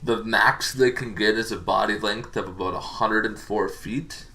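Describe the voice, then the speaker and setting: A man with a lowish, fairly even, bright and forceful voice speaks at a moderate pace. Acting as a dungeon master, he casually explains tabletop monster lore without a script, rambling loosely and hesitantly, against faint background noise.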